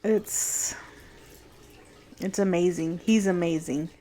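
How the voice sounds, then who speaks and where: Woman vlogger, earnest and soft-spoken, faint noise under the voice. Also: on the low side, slow. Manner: earnest, heartfelt, softly reflective with bursts of laughter. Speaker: vlogger sharing a faith journey. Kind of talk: personal vlog talk.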